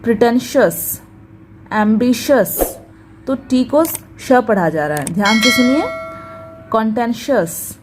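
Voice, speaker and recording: Slow, careful Indian woman teacher. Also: fairly high pitch, animated, background noise. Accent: Hindi. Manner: slow, careful, repeats words for drilling. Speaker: English pronunciation teacher. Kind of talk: YouTube pronunciation lesson.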